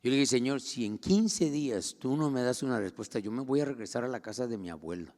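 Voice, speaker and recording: A middle-aged man with a Mexican Spanish accent, preaching a sermon as pastor. He moves between quiet personal storytelling and loud, fervent outbursts. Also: mid-range voice, lively intonation, brisk. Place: church. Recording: long reverb of a church hall.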